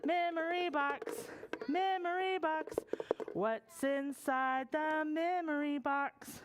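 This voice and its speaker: A woman's voice: high-pitched, fairly even intonation, slow, noisy background. Woman calling out from behind a puppet booth. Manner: speaking from behind a puppet theater; bright singsong to young children. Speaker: children's storytime host. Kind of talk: children's library storytime.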